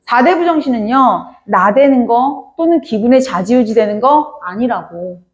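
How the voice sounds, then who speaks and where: Leading a literature class, this woman speaks unhurriedly with a high voice and lively intonation, though the recording's high frequencies are cut off. She addresses her students again and again, asking lots of questions to make sure they follow.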